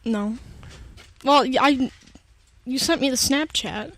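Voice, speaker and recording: A woman's voice: high voice, slow pace, a little hiss or hum. A woman guest on a podcast, chatting casually outdoors on a patio and trailing off into fillers. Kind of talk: casual chat.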